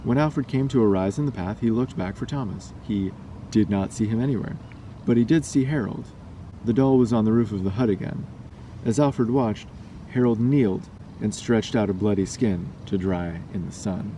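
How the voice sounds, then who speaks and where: Warm and lowish, the man's voice moves at a moderate pace as he narrates a scary story in his role as storyteller and vlogger. It's captured from afar with noise behind him.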